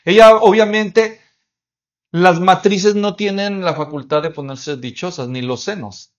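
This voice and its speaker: Man, pastor, expository sermon, fairly high voice, asks the congregation questions, slightly muffled recording. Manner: acts out quoted voices in small scenes.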